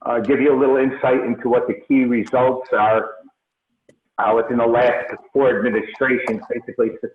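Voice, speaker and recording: A man presenting on a remote call, his voice echoing as if in a tunnel or underwater, speaking hesitantly with many filler pauses. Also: medium pitch, flat delivery. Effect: echoing tunnel sound, as if underwater. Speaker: presenter at a meeting. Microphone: remote call from a computer. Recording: echoey tinny video-call audio.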